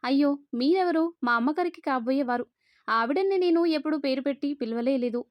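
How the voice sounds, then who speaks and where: A woman voicing a flustered, sharp-tongued young village woman in an audio story. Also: sits high, brisk, no echo, highs cut off, natural voice. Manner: flustered, protesting.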